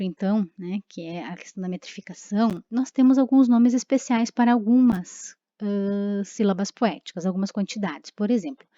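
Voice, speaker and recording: A woman's voice: medium pitch, dark tone, no room sound, highs cut off. A woman teacher giving a recorded lesson, explaining step by step with frequent tag questions and fillers.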